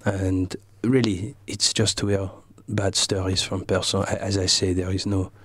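A man playing a haughty deadpan Frenchman. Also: low-pitched, unhurried, dry recording. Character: aloof, pompous French gentleman comedian. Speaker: comedian guest. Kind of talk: in-character comic interview.

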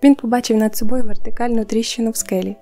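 Woman narrator, children's audiobook, mellow, faint music under. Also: a little high, fast talker. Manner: even, storytelling. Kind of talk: scripted narration of a children's tale.

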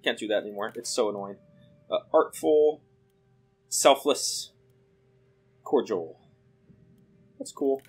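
A man's voice: lowish voice, slow, pauses often, a little mellow, breathy edge, faint music behind. A man giving casual let's play commentary, thinking aloud with lots of fillers as he weighs his options. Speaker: game commentator.

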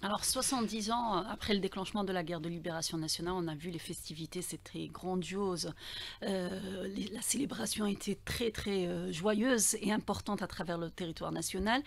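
A woman hosting a radio talk show from the studio, announcing times and recapping the topic on a boom mic. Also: normal speed, vocal fry. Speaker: radio host. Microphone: studio mic on boom arm, headphones.

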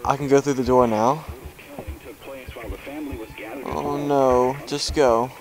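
A man's voice: medium pitch, steady tone, slow, a little mellow, rough recording. A young man commenting on a horror game as he plays, jumpy and swearing, with panicked outbursts. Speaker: gamer. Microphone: headphones with desk mic.

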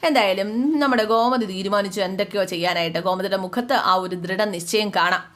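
A woman's voice: medium pitch, steady tone, a little fast, fairly bright tone. A woman casually retelling a family story in a chatty way, speaking directly to her listeners. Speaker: storyteller recapping a serial.

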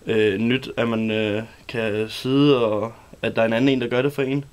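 Halting Danish barber, mid pitch. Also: male voice, fairly even intonation. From Denmark. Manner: halting, with many fillers. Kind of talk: explaining while working. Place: radio studio.

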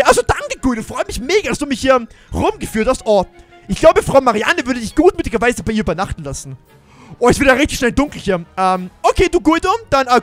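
A man giving jumpy, exclaiming commentary on a Minecraft role-play adventure, talking straight to his viewers. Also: very high voice. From Germany. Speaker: gaming YouTuber.

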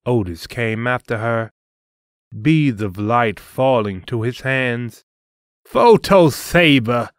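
A man hosting and narrating a scripted adventure story in a measured, deliberate reading. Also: medium pitch, clean tone, no room sound, clean studio sound. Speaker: host and storyteller.

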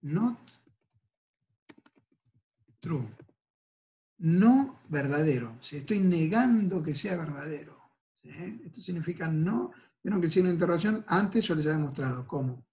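A man's voice: a little high, animated, slow, long pauses, warm tone, slight background noise. A man with an Argentine Spanish accent, giving a recorded university lecture and explaining each step patiently, checking in with students after nearly every phrase.

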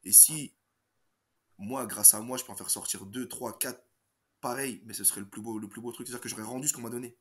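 A man's voice: medium pitch, steady tone, fairly quick, fairly bright tone. A middle-aged former footballer from France, speaking in casual chat that halts and repeats words as he searches for them. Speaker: former footballer, podcast regular.

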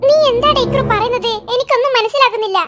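A woman's voice: extremely high pitch, fast, a bit bright. A woman voicing a timid, nervous little boy in a cartoon, speaking in a doubtful, hesitant way. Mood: puzzled. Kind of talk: cartoon voice acting.

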